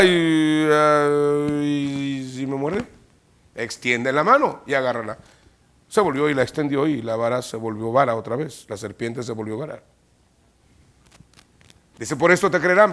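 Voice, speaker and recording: A man with a fairly high-pitched voice preaches a sermon in a church. He animatedly acts out Bible dialogue, his delivery building to loud, rising peaks.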